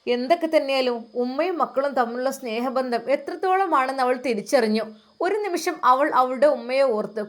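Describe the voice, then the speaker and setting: A woman narrating a dramatic story, emotive and speaking directly to her listeners. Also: high-pitched.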